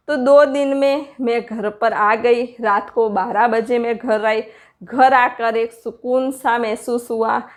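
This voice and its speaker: A middle-aged woman earnestly recounting her meditation experiences and preaching to listeners in a repetitive, direct way. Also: fairly high pitch. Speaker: spiritual speaker sharing meditation experiences. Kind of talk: personal spiritual talk.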